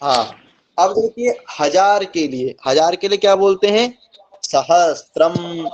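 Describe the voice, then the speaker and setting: Slow, high-voiced Sanskrit teacher reciting. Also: male voice, slight background noise. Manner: slow, deliberate recitation with frequent "ठीक है?" checks. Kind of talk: online coaching class lesson, reciting numbers. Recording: slightly dull lo-fi recording.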